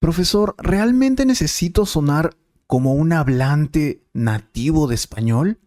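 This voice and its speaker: A man's voice: a little high, lively intonation, a little slow, darkish tone, pitched above the performer's own voice. A man voicing an eager young adult male student who asks his teacher keen, pleading questions in a scripted lesson dialogue. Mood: earnest.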